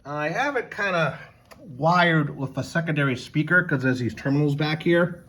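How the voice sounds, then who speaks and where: An emergency medical worker and radio hobbyist casually walks through his equipment indoors at home, rambling and hesitant as he thinks aloud. His voice is fairly high and sharp. The home recording has faint background noise.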